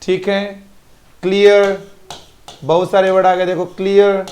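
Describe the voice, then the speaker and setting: A man's voice: high voice, monotone, a little slow, a little mellow. A man teaching English pronunciation in a live online class with an Indian English accent, repeating each word and praising students by name.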